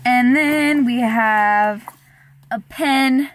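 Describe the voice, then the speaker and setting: Filmed by a dashboard camera, this young adult woman sits in a parked car and vlogs in a relaxed, chatty way, giggling and using "like" often. She speaks extremely slowly in a slightly high voice.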